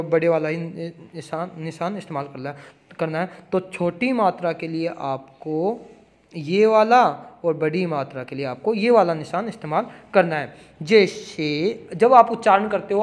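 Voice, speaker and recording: A man explains phonetic symbols to his students. He speaks in a fairly high voice and says each example word over and over. He hits the sounds hard to show where the stress falls. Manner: repetitive, drills each sound aloud, stresses words for emphasis. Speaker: teacher. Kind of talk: classroom explanation.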